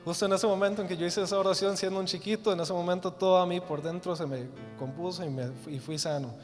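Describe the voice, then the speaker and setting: A Costa Rican man in his twenties, speaking as a guest, gives his testimony in a church hall whose echo fills the recording while soft guitar music plays. His voice sits high and steady and moves at a quick clip, though he hesitates often, leaning on fillers and restarting sentences.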